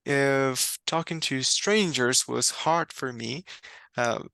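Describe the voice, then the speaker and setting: A gravelly-voiced Mexican man, a native Spanish speaker, shares his personal faith story as a guest in conversation. His medium-pitched voice has a sharp tone with no echo, and he's reflective and candid, laughing often and restarting words.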